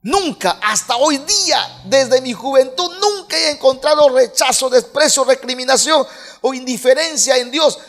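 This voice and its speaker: High-voiced Peruvian pastor preaching in a hall. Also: male voice, expressive, normal speed. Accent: Peruvian Spanish. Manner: swings between soft low passages and loud shouted peaks. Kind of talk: sermon. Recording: hall reverb.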